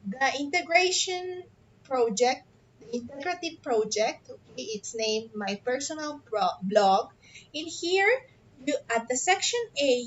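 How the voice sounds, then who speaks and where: A woman teaching an online English class, explaining an assignment patiently and often checking understanding with a quick "ok?". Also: fairly high pitch, fairly bright tone, slight background noise. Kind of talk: explaining an assignment on a video call. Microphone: computer mic on a video call. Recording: dull lo-fi video call audio.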